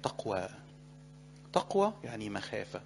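A man with an Egyptian accent preaching a sermon as a priest, animated and switching between soft and loud delivery. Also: lowish voice, normal speed, gravelly, a little hiss or hum. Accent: Egyptian Arabic. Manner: animated, acts out little scenes, swings between soft and loud.

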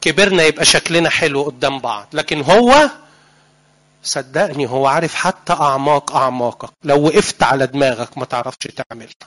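A man with an Egyptian accent preaching a church sermon, animated and putting questions to the congregation. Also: a little high, a little fast. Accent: Egyptian Arabic.

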